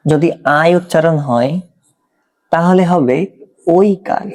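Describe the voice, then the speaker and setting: A man with a Bangladeshi Bengali accent teaches an exam-prep grammar lesson, explaining things step by step and frequently checking that the learner is following. His voice sits on the high side, slightly mellow, and he speaks slowly.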